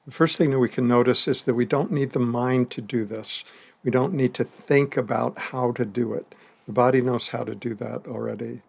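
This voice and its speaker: Guiding a meditation, this man speaks in a calm, gentle manner, letting long silences fall between phrases. He is a meditation teacher with a gravelly, mid-pitched voice, and now and then he lets out a quiet laugh.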